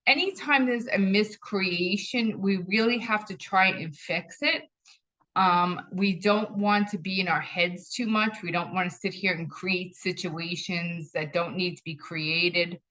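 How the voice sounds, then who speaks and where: Woman, middle-aged, lower register, bright and emphatic, lo-fi recording. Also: a little slow. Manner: storytelling, repeats phrases for emphasis. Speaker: spiritual talk host. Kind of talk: casual spiritual talk to camera. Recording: dull lo-fi sound.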